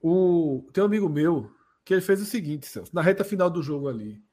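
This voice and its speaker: A man's voice: a little high, expressive, brisk, a little mellow. A man chatting casually as a podcast co-host, full of slang and swearing. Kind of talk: casual chat, anecdotes about betting.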